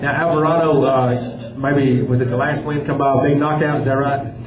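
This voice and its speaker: A man moderating a press conference informally, explaining things in a halting way. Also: mid-range voice, steady tone, crowd noise. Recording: echoey muffled room with background noise.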